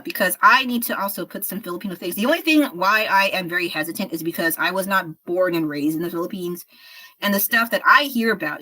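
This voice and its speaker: Bright-voiced chatty woman streamer. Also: lowish voice, rough recording. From United States. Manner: chatty, rambling, frank. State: slightly unwell. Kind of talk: casual livestream chat while painting.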